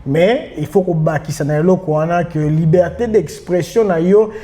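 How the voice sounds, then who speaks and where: A man's voice: on the high side, moderate pace, mellow. A man with a Congolese French accent hosting a casual discussion, switching between French and Lingala as he leads each point. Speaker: podcast host.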